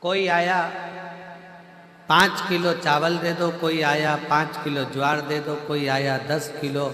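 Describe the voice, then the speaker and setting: A male preacher with a high, bright voice tells funny stories slowly and dramatically. His words echo through a large hall with long reverb and faint music. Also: flat delivery. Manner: dramatic, switches into character voices. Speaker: preacher, religious storyteller. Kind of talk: sermon with humorous storytelling.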